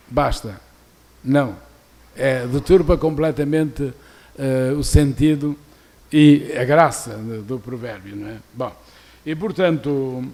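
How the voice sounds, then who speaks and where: Older Portuguese man giving a lecture. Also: a little high. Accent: European Portuguese. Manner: discursive, many restarts, reads quoted verses aloud more loudly. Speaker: university lecturer. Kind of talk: academic conference lecture. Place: university auditorium.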